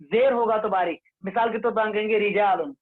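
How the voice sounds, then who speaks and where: Male recitation teacher, high voice, tinny online-class sound, drills rules over and over. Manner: slow, repetitive, drills rules and has students repeat. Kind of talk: online lesson with recited examples.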